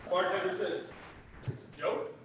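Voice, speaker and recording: A man acting in a live stage comedy, delivering bar jokes in a drawn-out deadpan way, captured by a distant mic in an echoey theater. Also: lightly acted. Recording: echoey stage recorded from far off, hissy.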